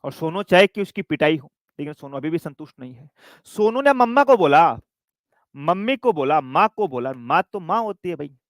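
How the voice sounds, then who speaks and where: A high-voiced male teacher lectures his exam class, weaving in a comic story and slowing down to dictate notes. The sound is close and dry, with no room echo. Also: big pitch swings. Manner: storytelling, calls students "dear children"; dictates notes slowly with repetition.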